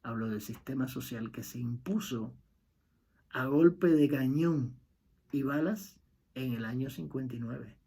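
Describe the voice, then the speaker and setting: A man's voice: mid-range voice, measured pace, vocal fry, dark tone, breathy edge. A middle-aged man with a Cuban accent, delivering an impassioned opinion monologue and repeating his key points. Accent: Cuban Spanish. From Cuba. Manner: emphatic, repeats key phrases, trails off at sentence ends. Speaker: political commentator.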